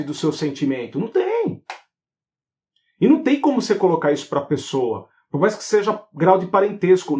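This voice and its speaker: A man hosting a live online talk on spiritual therapy, animated and full of rhetorical questions. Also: a little high.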